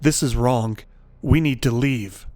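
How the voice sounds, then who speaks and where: A man voicing a grim adult male scavenger who talks in a low, clipped, muttered way. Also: takes it slowly, darkish tone, dry recording, close to an everyday voice.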